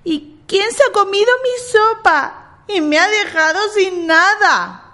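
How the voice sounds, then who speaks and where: A woman voicing a small bear cub in a storybook, with a high, sweet little voice. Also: sing-song, unhurried, sharp tone, full character voice. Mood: plaintive.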